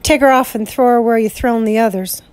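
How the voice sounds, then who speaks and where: A cold, brooding outlaw, played by a woman reading a story, speaking low and flat in a grim, steady drawl. The menace stays quiet and measured. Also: smooth, natural voice. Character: cold, brooding male escaped convict.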